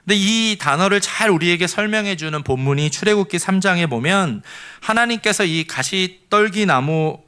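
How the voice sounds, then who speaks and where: A man's voice: high-pitched, expressive, moderate pace, bright, forceful tone, clear, resonant tone. A male pastor from Seoul preaching a sermon, explaining scripture earnestly and leading the congregation in repeating lines after him. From Seoul, South Korea.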